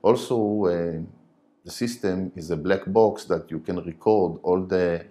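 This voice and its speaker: A man in his forties, not a native English speaker, explaining technical matters haltingly in a studio interview on a lapel mic. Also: low-pitched, dark tone. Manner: halting, hesitant phrasing. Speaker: interview guest, company director.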